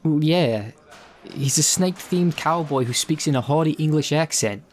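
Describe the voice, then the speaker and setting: A man's voice: a little high, moderate pace, a little hiss or hum, lightly acted. A man voicing a blunt, exasperated colleague who teases a fellow actor, in an audio role-play. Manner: blunt and teasing.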